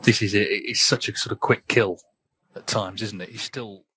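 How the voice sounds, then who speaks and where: A man's voice: on the low side, steady tone, moderate pace, sharp tone. A man giving snooker commentary in a conversational, reflective way. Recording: clear background noise with clicks. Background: noise and snooker ball clicks.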